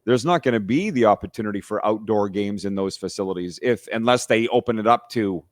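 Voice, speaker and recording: Low-voiced man, dry and opinionated. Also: fairly quick, no room sound. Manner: opinionated, talks in long run-on stretches. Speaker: podcast host, guest. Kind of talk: casual hockey podcast chat.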